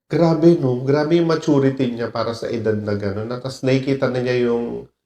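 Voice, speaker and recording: A man's voice: mid-range voice, moderate pace, dark tone, reverberant. A man hosting a reaction video, talking emotionally and dropping in English phrases. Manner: emotional, mixing English phrases, laughs often. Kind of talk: casual reaction commentary.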